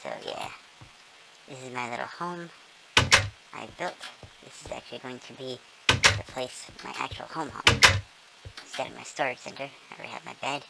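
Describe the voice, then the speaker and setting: Over a very noisy recording, a gamer filtered to sound like a small, squeaky squirrel tours their build at a moderate pace. The gravelly voice pauses often, and the casual rambling is packed with ums and self-corrections.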